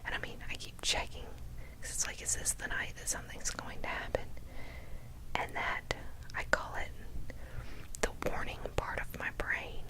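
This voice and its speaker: A woman telling a personal story for ASMR in a breathy, unvoiced whisper, hushed and deliberate, dwelling on key words for suspense. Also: low-quality recording. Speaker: storyteller, ASMR channel host.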